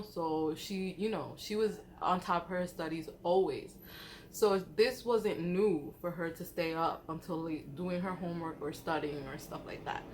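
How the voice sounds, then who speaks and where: Woman telling spooky stories over background noise. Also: on the low side. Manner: chatty, slangy, acts out quoted dialogue. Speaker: storyteller. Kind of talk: casual spooky storytelling.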